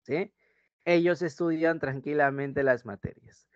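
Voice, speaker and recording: A male teacher with a Peruvian accent and a somewhat high voice leads an online grammar class. He reads example sentences slowly and loudly, then drops into quiet asides. The recording is dry and dull, with a lo-fi sound. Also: no echo. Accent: Peruvian Spanish. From Peru.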